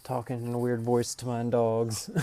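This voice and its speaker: A man's voice: mid-range voice, monotone, unhurried, dark tone, no echo. A man streaming live, chatting casually and thinking aloud as he works, now and then scatting a beatbox. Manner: scat-beatboxes between remarks.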